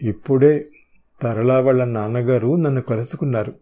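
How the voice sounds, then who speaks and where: A man reading the lines of a calm, practical young woman in a novel audiobook, in his own mellow voice. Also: mid-range voice, normal speed, close to an everyday voice.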